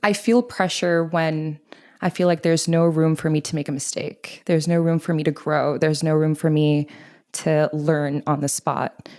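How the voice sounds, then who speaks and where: A woman's voice: deep voice, a little mellow. A woman in her twenties from Thailand, speaking as a guest in a podcast interview, earnest and reflective. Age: 20s. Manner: earnest, reflective, with many likes. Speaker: guest, literary editor. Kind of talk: conversational interview.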